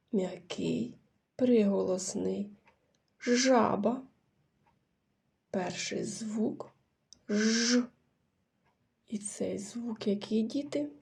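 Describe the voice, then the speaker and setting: A woman teaches small children in a slow, patient phonics lesson. She asks a question, answers it herself and praises the class. Her voice is husky, gravelly and dark. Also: medium pitch. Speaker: kindergarten teacher.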